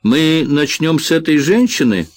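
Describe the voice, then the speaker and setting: Guy narrator doing a whiny orderly, pitched way up, grumbling, lively swings. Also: a little slow, no room sound. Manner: whining, complaining. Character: whiny young male morgue orderly.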